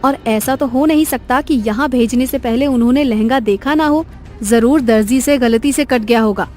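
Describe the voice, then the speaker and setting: A woman with a high, light voice acting out the women of a Hindi horror cartoon story. She sounds emotional and pleading, with a faint music bed behind her. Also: moderate pace, a little mellow. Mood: soothing. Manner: emotional, pleading, wailing in distress. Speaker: voice actor for all female figures.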